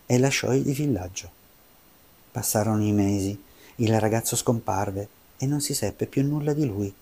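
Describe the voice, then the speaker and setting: Uomo che legge una fiaba con voce scura. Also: male voice, fairly low pitch, normal speed, darkish tone, a little hiss or hum. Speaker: narrator. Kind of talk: storybook narration.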